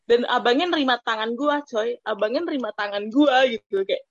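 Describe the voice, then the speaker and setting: Lively young woman telling a story. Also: on the high side, fairly quick, dry recording, muffled recording. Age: young adult. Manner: animated storytelling, laughs into her own punchlines. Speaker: podcast co-host. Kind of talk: casual chat.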